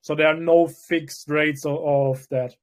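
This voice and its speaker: German man explaining at a measured pace. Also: a little high, steady tone. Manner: measured, restarts often, plain explanatory tone. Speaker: crypto project founder. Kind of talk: AMA interview answers.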